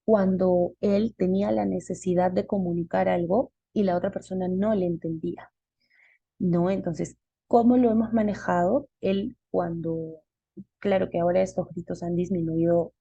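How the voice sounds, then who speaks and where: A woman's voice: fairly low pitch, steady tone, measured pace, creaky, warm tone, breathy edge, no echo, highs cut off. A woman giving a live online class, explaining step by step and posing questions she then answers herself. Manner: explanatory, asks and answers her own questions.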